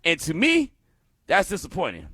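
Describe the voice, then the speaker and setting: Male sports radio host, upbeat storyteller, slightly high voice, dry close mic. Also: moderate pace, breathy edge, no room sound. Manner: animated, laughing, storytelling. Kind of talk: energetic sports radio talk. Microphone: studio microphone.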